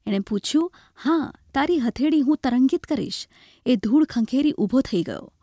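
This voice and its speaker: Gravelly-voiced woman reading a story. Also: high-pitched, no room sound, studio quality. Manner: measured, expressive storytelling. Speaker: narrator.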